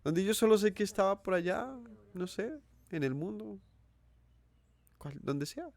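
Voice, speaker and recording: A high, darkish voice carries this earnest sermon from a Colombian man with a Colombian accent, who preaches expressively and without hurry. He keeps asking his listeners questions and repeating phrases for emphasis.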